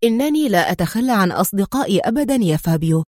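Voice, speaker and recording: A woman voicing a bold male secret agent hero who speaks calmly, with mockery and firm command. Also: mid-range voice, quick pace, dry recording, studio quality, lightly acted. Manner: calm, mocking, commanding.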